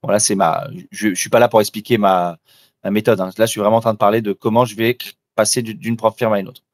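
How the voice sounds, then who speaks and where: A man's voice: fairly low pitch, steady tone, fast talker, dry recording, studio quality. A man doing live trading commentary, talking informally and directly to the listener with frequent restarts. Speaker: trader presenting a live trading demo.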